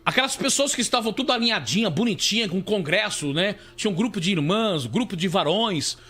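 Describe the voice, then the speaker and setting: A man's voice: high-pitched, lively intonation, fairly quick, pushed and bright, breathy edge. A man with a Brazilian Portuguese accent, a bishop giving a live preaching testimony, repeating himself and calling listeners beloved. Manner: repetitive, calls listeners "beloved", many restarts.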